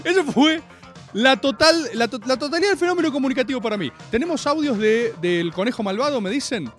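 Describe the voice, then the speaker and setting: A man with an Argentine accent and a strikingly high voice delivers an exasperated comic rant to his viewers. His pitch leaps around constantly as he mocks and mimics the crowd, with faint music behind him. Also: animated, a little fast, fairly bright tone. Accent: Argentine Spanish.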